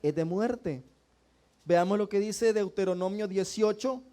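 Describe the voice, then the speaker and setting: A man's voice: high-pitched, a little slow, warm tone. A man preaching a sermon in church, often turning to his congregation with questions and calling them brothers. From El Salvador.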